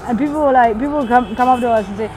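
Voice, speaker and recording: A woman's voice: fairly high pitch, rapid-fire, darkish tone, a little hiss or hum, poor audio. A woman in her thirties who grew up in Switzerland, a graffiti artist speaking reflectively in a documentary interview, thinking aloud with small restarts. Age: 30s. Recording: hip-hop music playing underneath.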